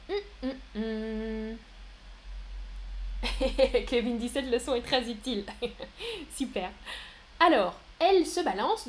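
Slow, encouraging woman teaching French. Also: high-pitched. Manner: slow, clear, encouraging, reads chat names aloud. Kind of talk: live online French lesson.

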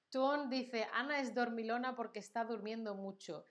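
Profesora española lenta y expresiva. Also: female voice, fairly high pitch, steady tone. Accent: Spanish from Spain. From Spain. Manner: slow, exaggerated acted examples, checks in with "¿sí?". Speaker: Spanish teacher streaming a live class. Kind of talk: live-streamed language lesson.

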